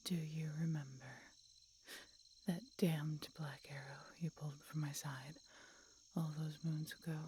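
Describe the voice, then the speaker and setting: Cast as an ancient dragoness on the verge of death, an actress addresses the listener in a dramatic audio roleplay, recorded with slight noise. Her female voice is low, warm, breathy and whispery, with fairly even intonation, conveying a pained, grave mood. Mortally wounded, centuries old, tender and resigned, the dragon sounds weak and hurting, speaking haltingly with dramatic pauses.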